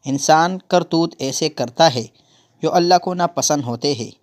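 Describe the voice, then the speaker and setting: A man telling a religious story in a steady, earnest narrating voice. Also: a little high.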